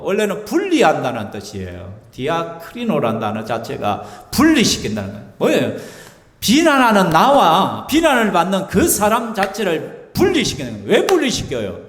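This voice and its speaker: A male pastor with a Busan Gyeongsang accent preaches in an emphatic way, often turning to the congregation with "right?" His voice sits high and moves widely up and down. It rings with the long reverb of a roomy church sanctuary. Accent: Gyeongsang Korean (Busan). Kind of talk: sermon. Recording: echoey church hall reverb.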